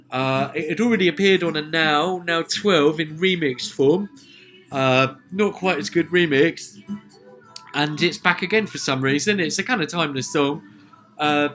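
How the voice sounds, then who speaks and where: A man's voice: on the high side, fairly bright tone. A man from southern England with a southern English accent, hosting a music podcast in a chatty, rambling way, full of "uh" fillers and chuckles. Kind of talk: casual music review commentary.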